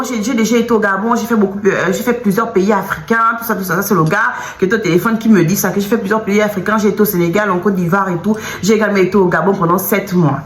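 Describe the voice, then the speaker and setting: A young woman casually telling a personal story, animated and acting out what people said. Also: medium pitch. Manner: animated, acts out quotes. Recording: echoey room with faint ambience.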